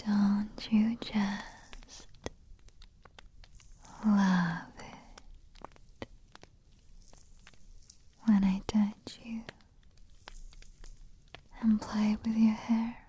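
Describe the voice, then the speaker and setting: Woman, ASMR roleplay queen, breathy soft whisper, intimate and calming. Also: mid-range voice. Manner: slow, soothing and intimate. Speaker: ASMR performer.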